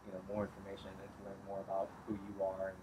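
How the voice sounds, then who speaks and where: A man interviewing a salon owner in a casual, friendly way, often pausing with fillers and restarting sentences. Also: low-pitched, completely flat delivery, noisy background. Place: salon, outdoors then indoors.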